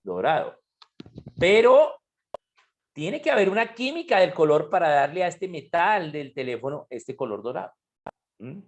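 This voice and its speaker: A man's voice: fairly high pitch, very animated, moderate pace, pauses often. A man teaching an online chemistry class, explaining step by step and often asking if students follow. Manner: explanatory, asks frequent checking questions. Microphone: computer mic on a video call.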